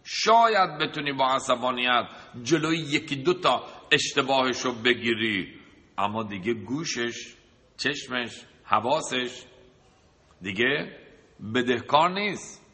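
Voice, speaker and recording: Male preacher who talks through lists and rhetorical questions, with a forceful bright voice and a long hall echo. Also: medium pitch, expressive. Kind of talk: sermon with a told anecdote. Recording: long reverb of a large hall.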